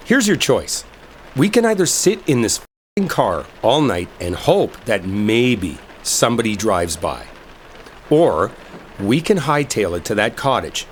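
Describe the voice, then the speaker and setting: In a roleplay audio drama, a man with a lowish voice plays an exasperated, sarcastic guy stranded with a coworker he dislikes, voicing one side of an argument. He sounds frustrated and urgent, heated and sarcastic, and he swears. Steady rainstorm noise runs behind his voice.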